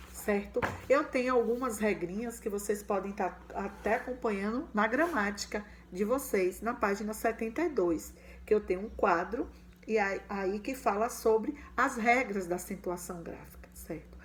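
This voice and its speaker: A woman teaching a grammar lesson to young children. She ends almost every phrase with a questioning check and says the example words louder and slower. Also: medium pitch, slight background noise.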